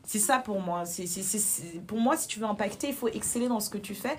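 A young woman in a candid personal interview, speaking earnestly and growing animated when she recounts, repeating words for emphasis. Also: medium pitch, fairly quick, a little hiss or hum.

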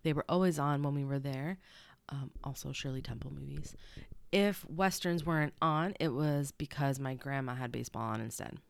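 A woman's voice: rumbling low, normal speed, vocal fry. A young woman hosting a casual podcast, chatty and rambling with side stories, her nose stuffy. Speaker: podcast host. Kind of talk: casual solo podcast chat.

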